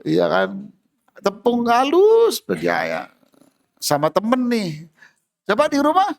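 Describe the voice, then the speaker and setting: A man's voice: very high voice, huge pitch swings, slow pace, creaky. A male Islamic preacher, giving a humorous sermon in a mosque and acting out everyday scenes.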